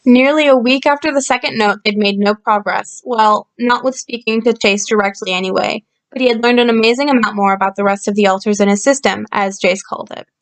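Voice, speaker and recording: Woman explaining calmly into a computer mic. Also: medium pitch, brisk, hardly any pauses. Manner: explanatory, calm, with frequent fillers. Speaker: channel host reviewing a story. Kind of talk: reading a story aloud with casual commentary. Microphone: built-in computer microphone.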